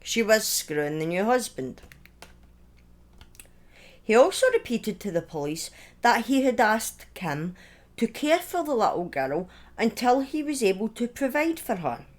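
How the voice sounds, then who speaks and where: Using a mid-range voice, a woman tells a true-crime story conversationally, part of it scripted. She speaks in halting phrases and adds informal asides and opinions.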